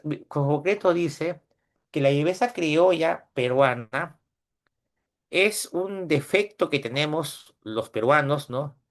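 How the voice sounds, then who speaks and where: A man's voice: a little high, a bit bright. A middle-aged Peruvian man giving a conversational university lecture, often tagging his points with questions to his students. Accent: Peruvian Spanish. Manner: conversational, frequent tag questions; retells anecdotes with quoted voices. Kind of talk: classroom lecture.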